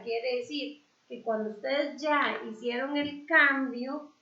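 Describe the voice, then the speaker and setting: High-pitched lady teacher going over grammar, slow, kinda muffled lo-fi. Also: gravelly. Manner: slow, explanatory, with fillers. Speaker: English teacher. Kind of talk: online class review. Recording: echoey, dull lo-fi sound.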